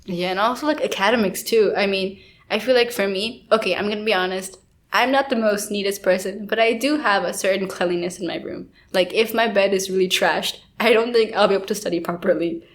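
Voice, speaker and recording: A woman's voice: medium pitch, brisk. Young woman from india, podcast cohost, mid voice, chatty and casual, says like a lot. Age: young adult. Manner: chatty, lots of "like" and "I feel like". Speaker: podcast co-host.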